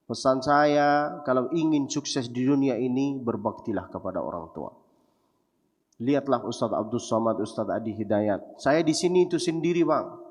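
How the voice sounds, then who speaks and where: A young man from Mecca preaching a lively sermon, talking straight to the crowd and acting out what others said. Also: medium pitch, moderate pace. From Mecca, Saudi Arabia. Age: young adult. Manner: animated, addresses listeners directly, acts out quotes. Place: large hall at a preaching event. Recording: echoey hall, dull muffled sound.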